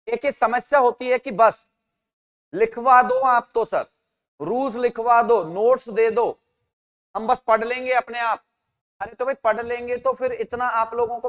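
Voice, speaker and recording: A man's voice: very high voice, in a large hall. A man teaching an English grammar class, asking his students questions and answering them himself, and calling out their names and answers. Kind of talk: online grammar lesson.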